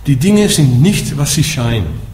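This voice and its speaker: An unhurried Dutchman with a mid-range, slightly mellow voice and huge pitch swings teaches Buddhism in German to a group. He explains patiently and asks "ja?" after nearly every point. Echo and faint background noise mark the room.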